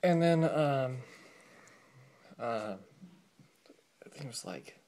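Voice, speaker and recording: A man's voice: medium pitch, lively intonation, slow pace, gravelly, darkish tone. A young man from California, telling his life story in a casual, rambling vlog with many fillers, recorded on a camera mic. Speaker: vlogger.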